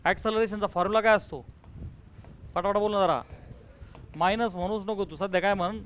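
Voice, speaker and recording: Brisk Marathi-accented man pressing students. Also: sits high, slight background noise. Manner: urges students to answer quickly, calls them "beta". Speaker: physics teacher. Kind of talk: classroom lesson, drilling students.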